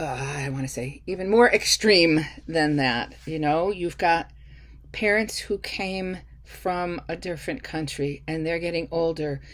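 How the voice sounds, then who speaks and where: A middle-aged woman giving a lecture to her class in a casual, chatty way, with many fillers and restarts. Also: lowish voice. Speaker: instructor.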